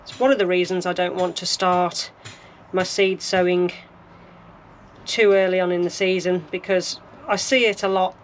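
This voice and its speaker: This gardening vlogger from the UK chats practically about her sowing while working in her allotment greenhouse, thinking aloud in casual narration. Her lowish voice holds a level tone at a moderate pace, with slight background noise behind it.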